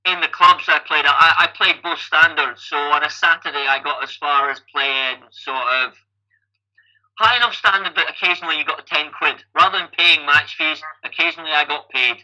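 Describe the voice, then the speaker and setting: A rough recording captures a man from Scotland, in his fifties, whose voice sits on the high side with a sharp tone and normal speed. An amateur endurance athlete, he's a podcast guest telling his life story chattily, with frequent restarts.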